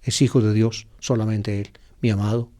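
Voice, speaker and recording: Priest with a dark, mellow voice. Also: male voice, lowish voice, level tone. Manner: teacherly, explains slowly with many fillers and restarts. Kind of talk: gospel reflection sermon.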